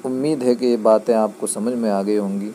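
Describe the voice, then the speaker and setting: A man's voice: fairly low pitch, steady tone, warm tone, a little hiss or hum, rough recording. A man teaching a grammar lesson, explaining patiently and checking that his students understand. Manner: patient, repeats key points, checks understanding.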